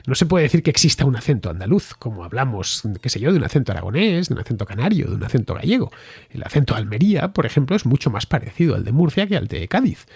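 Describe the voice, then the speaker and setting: A male podcast host gives explanatory commentary with lively swings in pitch. His voice is slightly husky, and the recording is dry and close. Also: no echo. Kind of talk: commentary answering a listener.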